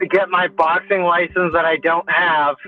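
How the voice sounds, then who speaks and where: On a remote phone call with a tinny line and faint music, a male podcast host trades casual, slangy sports banter, repeating phrases in a bro-ish style. His voice sits on the high side, with a flat delivery and a slightly slow pace.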